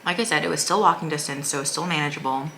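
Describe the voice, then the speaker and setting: A woman's voice: deep voice, rapid-fire, creaky, noisy background. A woman vlogger giving a casual, chatty recap in a rambling, informal way full of "like". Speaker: vlogger, mother of a young child.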